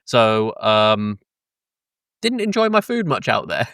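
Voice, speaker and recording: Taking it slowly, a young British man co-hosting a podcast rambles through an anecdote, swearing, laughing and filling gaps with ums. His smooth, fairly low voice is fairly bright and swings widely in pitch. The close mic delivers dry, echo-free studio quality.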